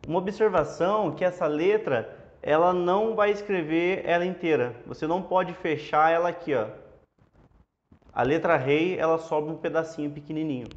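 Brazilian man, casual whiteboard lesson, chatty step-by-step, somewhat high pitch, muffled lo-fi audio. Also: moderate pace. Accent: Brazilian Portuguese. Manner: relaxed, chatty, explains step by step. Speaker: Hebrew teacher. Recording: dull lo-fi classroom audio.

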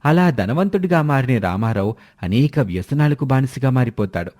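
A man's voice: medium pitch, lively intonation, normal speed, a little mellow, no room sound, studio quality. Man narrating a moral story.

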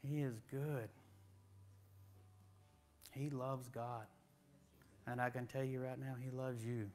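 A man's voice: mid-range voice, level tone, takes it slowly, a little mellow. A man, preaching a sermon in a folksy, conversational way with rising emphatic questions, in a church sanctuary on a lapel mic. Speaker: guest preacher.

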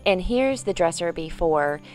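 A woman's voice: fairly low pitch, lively intonation, unhurried, a little mellow, faint music behind. Middle-aged woman presenting a room makeover. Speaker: home decor vlogger, host. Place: bedroom, indoors, for the on-camera part.

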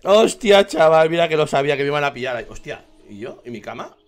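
A man with a Spain Spanish accent giving live gameplay commentary, excitable, swearing constantly and laughing often. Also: mid-range voice, very fast, faint music behind. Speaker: gaming streamer.

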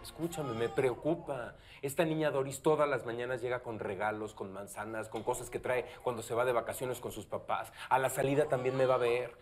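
A man's voice: medium pitch, steady tone, fairly quick, hardly any pauses, close to an everyday voice. A man playing an earnest schoolteacher. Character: male primary teacher, patient, firm with pupils. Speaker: primary school teacher. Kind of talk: TV drama acting. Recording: TV drama with loud music score.

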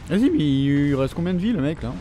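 A man's voice: on the high side, expressive, brisk, warm tone, soft background music. A young man giving let's play commentary, swearing and taunting the enemies as he plays. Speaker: gaming video host. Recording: faint game gunfire underneath.

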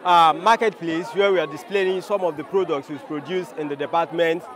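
A man's voice: fairly high pitch, steady tone, normal speed. A young man with a Nigerian accent, a student exhibitor, introducing himself hesitantly on camera at an outdoor market. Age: young adult. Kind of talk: on-camera vox pop. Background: loud crowd.

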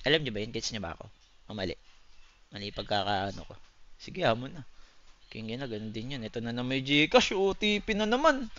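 A man's voice: medium pitch, sing-song, a little fast, fairly bright tone, dull audio. A man chatting loosely with his live-stream viewers, swearing often and calling them buddy. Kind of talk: casual live-stream chat answering viewers.

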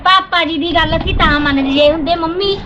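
Very high-pitched Punjabi woman. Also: brisk, noisy background. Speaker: family member in a village family vlog. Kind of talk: casual family chat.

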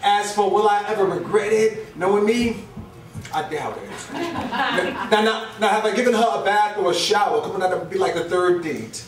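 A man's voice: high voice, lively intonation, normal speed, distant mic. A middle-aged man from New Jersey with a New Jersey accent, performing spoken word in a small bar and joking loosely and profanely with the crowd. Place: small brick-walled bar lounge, indoors. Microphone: stand mic, recorded by a far camera. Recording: roomy live bar sound from afar. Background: audience ambience and laughter.

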